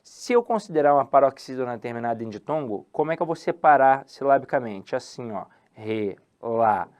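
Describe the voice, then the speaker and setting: A man's voice: medium pitch, expressive, fast talker, a little mellow. A Brazilian man teaching a Portuguese grammar lesson for exam prep, stretching key words and asking and answering his own questions.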